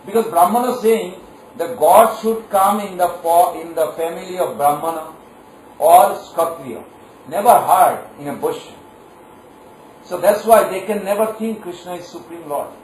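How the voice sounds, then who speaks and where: A man's voice: sits high, expressive, normal speed, darkish tone. A man preaching a devotional sermon to a live audience, often quizzing the listeners with questions. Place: large gathering hall. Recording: echoey hall, distant mic, faint noise.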